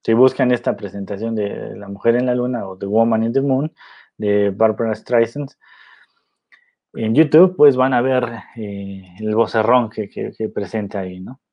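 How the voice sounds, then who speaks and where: A man's voice: fairly low pitch, a little slow. A man talking casually about films, rambling with many fillers and tag questions. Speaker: film commentator. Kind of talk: casual film commentary. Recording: dull lo-fi recording.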